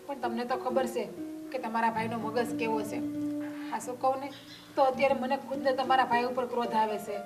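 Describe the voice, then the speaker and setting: An actress playing a young village sister-in-law who pleads earnestly, with a Kathiawadi Gujarati accent. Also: female voice, a little high, fairly even intonation, a little fast, lightly acted. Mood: pleading. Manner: pleading, apologetic. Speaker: actor. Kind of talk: village family drama acting. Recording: distant voice over loud music.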